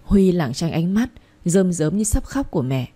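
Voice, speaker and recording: Female audiobook narrator with a Vietnamese accent, low and husky, soft unhurried late-night storytelling. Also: sing-song. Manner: soft, unhurried storytelling, voicing every character herself.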